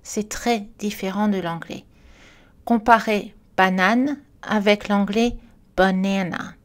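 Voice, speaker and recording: A woman reading a scripted French pronunciation lesson, speaking carefully and clearly and slowing down for example words. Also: mid-range voice. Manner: careful, clearly articulated delivery with slow model words.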